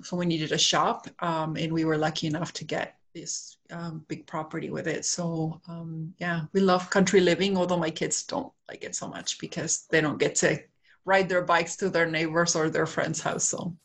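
Chatty Peruvian-born woman with low voice. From Peru. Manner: chatty, many fillers. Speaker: guest, centre co-owner. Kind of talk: casual interview talk.

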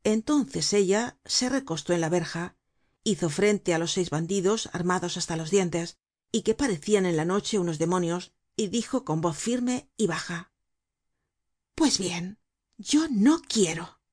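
A woman reads a classic novel aloud with steady storytelling. Her voice is low-pitched and husky. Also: normal speed. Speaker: narrator. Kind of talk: audiobook narration.

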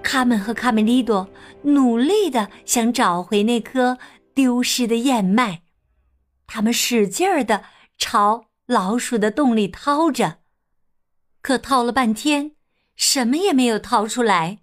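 Woman reading a kids story, high voice, slow, bit of music behind. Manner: animated, voices the characters.

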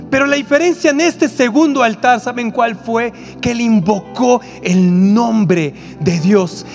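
High-voiced Mexican man preaching. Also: creaky. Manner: animated, rhetorical questions, quick asides to the crowd. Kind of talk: sermon. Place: church auditorium.

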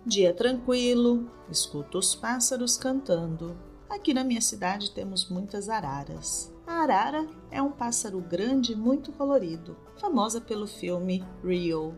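A woman's voice: medium pitch, animated, measured pace, darkish tone, faint music behind. A woman with a Brazilian accent hosting a teaching podcast, addressing the learner directly. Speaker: podcast host and language teacher.

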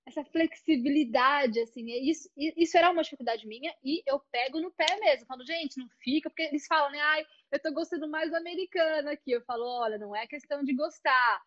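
A woman's voice: high voice, fast, few pauses, fairly bright tone, no echo, muffled recording. A woman hosting a casual chat, explaining things and reacting encouragingly to her guest.

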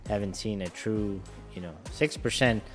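As a podcast guest, a man in his late thirties, born in India and raised in Ghana, earnestly tells his life story in a casual interview. His lowish voice moves at normal speed in a large hall, with soft background music.

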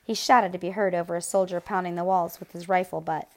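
A woman narrating a novel aloud in a steady, measured, grave storytelling voice. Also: fairly low pitch. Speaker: audiobook narrator.

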